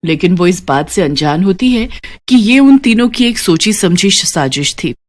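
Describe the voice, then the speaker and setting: A woman narrating a cartoon story in a calm, even telling. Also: mid-range voice, moderate pace.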